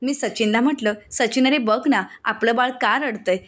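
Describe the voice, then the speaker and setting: A woman with a Marathi accent, her voice sitting a little high, tells the story of a serial episode scene by scene. She reads the characters' lines in the same steady storytelling voice. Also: moderate pace. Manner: narrates plot and voices quoted lines in the same reading voice. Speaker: serial recap narrator.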